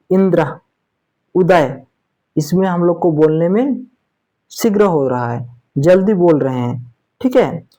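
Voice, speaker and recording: A Sanskrit teacher gives a spoken grammar lesson. The teacher often asks a question and then answers it, keeps checking in with "theek hai", and draws out example sounds slowly. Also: medium pitch, warm tone.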